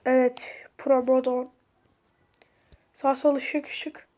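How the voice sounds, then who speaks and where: A high-pitched woman playing a horror game and commentating as she goes. She is sick with a sore throat, yet still yells, curses and panics at every scare, then drops to tense mutters. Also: little pitch movement, takes it slowly, highs cut off. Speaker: gaming video host. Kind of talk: excited let's-play commentary.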